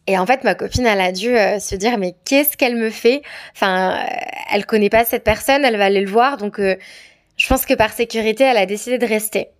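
A woman's voice: mid-range voice, fast talker. A woman from France telling a personal anecdote in a candid, hesitant, conversational way. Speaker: storyteller. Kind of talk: personal anecdote told to camera.

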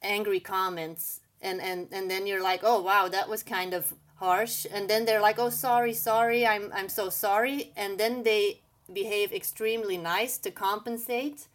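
A woman's voice: mid-range voice, fairly even intonation, a little slow. Woman, 30s, english, candid, casual, interview guest. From Belgium. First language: not English. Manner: candid, casual, many "like" fillers. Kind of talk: personal storytelling.

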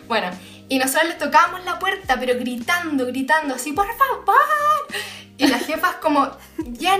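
A young Chilean woman in casual chat, telling a scary story in lively slang and acting out the screams and voices of the people in it. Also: high-pitched, echoey room. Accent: Chilean Spanish.

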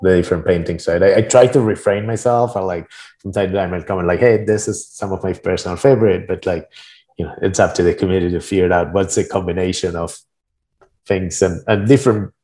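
A man from Argentina with a deep, mellow voice speaks casually as an interview guest and the creator of a project. He talks fast in a steady tone, using informal, tentative phrasing packed with "like" and frequently checking in with "right?".

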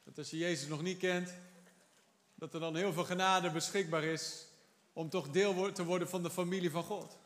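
A man with a high-pitched voice delivers a fervent sermon. He swings from quiet asides to drawn-out, emphatic lines. A long hall reverb trails each phrase. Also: steady tone. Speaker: preacher.

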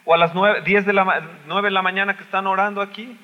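A man preaching a sermon as pastor, swinging between loud cries and soft asides. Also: sits high, fairly even intonation, fast, big-room sound, dull audio. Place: church sanctuary.

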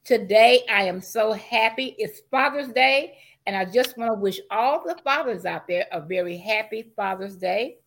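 A woman's voice: mid-range voice, moderate pace, fairly bright tone. A woman hosting a podcast, introducing and questioning a guest in a conversational interview style. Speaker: podcast host.

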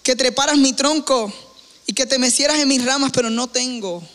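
A selfless old apple tree, spoken by a man in a soft, tender, slow voice that sits high and bright. The words ring out with a long hall reverb behind them.

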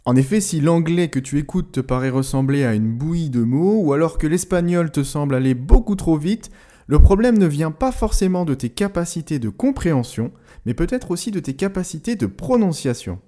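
A man hosting a language-learning podcast, explaining pronunciation tips in a clear, didactic way, slowing down to model words. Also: on the high side, lively intonation, warm tone. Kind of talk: scripted educational narration.

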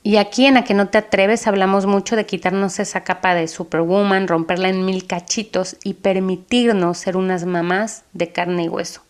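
A woman's voice: medium pitch, fairly even intonation, normal speed, hardly any pauses. A woman hosting a parenting podcast, speaking in a reflective, conversational way and affirming her guest. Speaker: podcast host.

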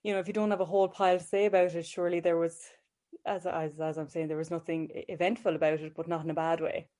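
A woman's voice: on the low side, level tone, fast, dark tone. A woman with a west of Ireland accent chatting casually and informally as an interview guest, telling personal anecdotes in a self-deprecating way. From County Galway, west of Ireland. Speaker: podcast guest, mental health clinician.

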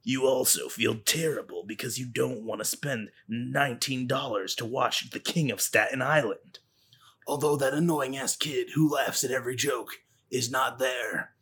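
A man's voice: medium pitch, moderate pace, fairly bright tone, breathy edge. A man putting on a dramatic movie trailer narrator voice for a podcast intro. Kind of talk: trailer voice parody.

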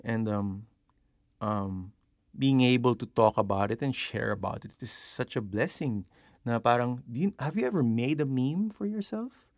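A man's voice: mid-range voice, lively intonation, normal speed, no room sound, clean studio sound. A Filipino-accented man musing in a casual, profane, rambling podcast monologue. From Philippines. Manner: rambling, profane, switches between English and Tagalog. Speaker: podcast host.

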